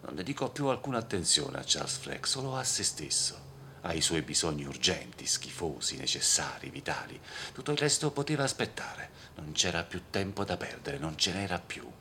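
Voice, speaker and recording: A man reading a novel aloud in measured, scripted narration, dropping into a whisper at times. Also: low voice, very animated, a little hiss or hum. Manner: measured, dark storytelling with whispered asides. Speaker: audiobook reader.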